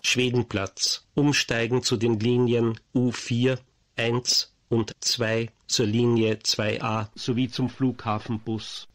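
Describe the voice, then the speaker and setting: A man's voice: mid-range voice, little pitch movement, a bit bright, a little hiss or hum. Man making subway announcements. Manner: formal, measured listing of stops and transfers. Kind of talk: subway station announcement, scripted.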